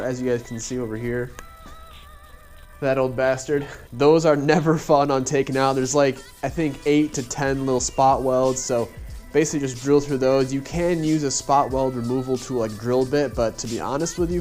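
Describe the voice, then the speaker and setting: Recorded on a head-mounted action camera in a garage, this man talks through his car build in a relaxed, rambling way loaded with filler words. His voice sits at medium pitch, a little mellow, with a congested, slightly nasal quality, and the talk is informal how-to narration while he works.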